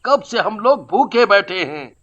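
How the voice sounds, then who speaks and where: Brief: curt bossy young husband, voiced by a man, high bright voice, dull lo-fi sound. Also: sing-song, a little slow, heavily acted. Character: rude demanding young husband. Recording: dull lo-fi recording.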